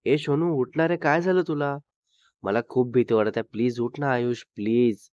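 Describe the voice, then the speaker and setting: A man voicing a quick-tempered young woman who scolds and teases her boyfriend. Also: medium pitch, fairly even intonation, a little mellow, no echo, close to an everyday voice. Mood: scared. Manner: scolding, teasing. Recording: dull dry sound.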